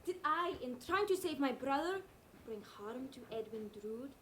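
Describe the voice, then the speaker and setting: Woman acting an anguished, high-voiced Victorian heroine. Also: expressive, moderate pace. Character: anguished young Victorian woman in stage mystery. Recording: very noisy distant live stage recording.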